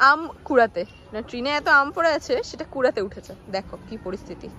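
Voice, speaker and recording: A woman's voice: a little high, expressive, quick pace, pushed and bright. A woman with a Bengali accent, casually narrating a family vlog at a village home and pointing things out to viewers. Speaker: vlogger. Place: outdoors at a village home, rooftop. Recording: noisy outdoor phone recording.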